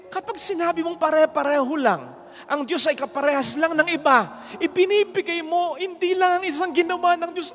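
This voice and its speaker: Emphatic, high-voiced priest preaching. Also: male voice, fairly bright tone. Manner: emphatic, preaching with rhetorical questions. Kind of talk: sermon. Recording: long hall reverb, faint music.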